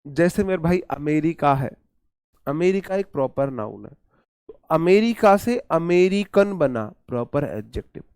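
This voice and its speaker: A man's voice: fairly high pitch, animated, measured pace, darkish tone, clean tone, dry recording, studio quality. A man with an Indian accent teaching an exam-prep English grammar lesson, repeating key points and quizzing his students.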